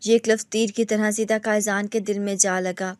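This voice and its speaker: A woman reading a romantic novel aloud in steady scripted narration. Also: mid-range voice, clear, resonant tone, no echo, clean studio sound.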